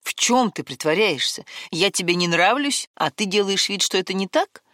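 A woman's voice: medium pitch, animated, normal speed, pushed and bright, dry recording, clean studio sound. A woman voicing a guarded man with a secret, coaxing and defensive by turns, in an audiobook.

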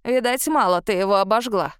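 A woman doing a croaky, bossy old great-grandmother. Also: mid-range voice, sing-song, no room sound, clean studio sound. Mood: scolding. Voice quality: gruff, goblin-like croak. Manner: scolding, cackling, drawn-out words. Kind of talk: audiobook reading.

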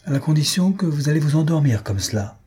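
Georgette, a gentle young nurse, as a man reads her. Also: on the high side, animated, fast talker, husky, voice pushed up. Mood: gently firm. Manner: hushing, softly scolding. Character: young woman nursing her beloved, gentle but firm.

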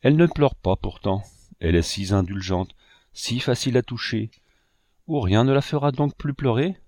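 A man narrating a classic novel aloud in a measured, expressive way. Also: medium pitch, dry recording, studio quality. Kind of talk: audiobook reading.

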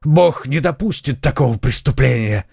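A man reading an audiobook and voicing a grim, brooding male musketeer who speaks in a hoarse, heavy tone. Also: lively intonation, darkish tone, no room sound, clean studio sound. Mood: grave. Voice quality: hoarse, low. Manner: slow, heavy, somber. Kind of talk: audiobook character voice.

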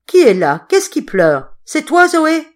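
A woman reading an audiobook, voicing a bold man who talks gruffly and scornfully. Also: on the low side, expressive, measured pace, a little mellow.

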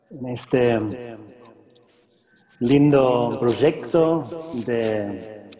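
Slow, halting German-accented man in a hall. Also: on the high side. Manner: halting, searching for words. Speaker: guest conference speaker. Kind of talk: informal lecture. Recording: echoey hall with crowd sound.

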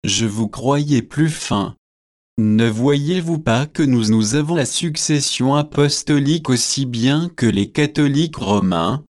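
Preachy young student lecturing his friends, read by a man, slow and self-important, storybook reading. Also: mid-range voice, natural voice. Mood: condescending. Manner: magisterial, preachy. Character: pompous young male Oxford student, lecturing. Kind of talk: audiobook reading.

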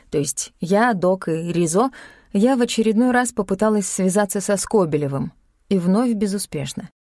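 A woman reading a first-person story aloud in a measured, wry manner. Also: mid-range voice, a little mellow, dry recording, clean studio sound. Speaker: audiobook narrator. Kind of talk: first-person scripted narration.

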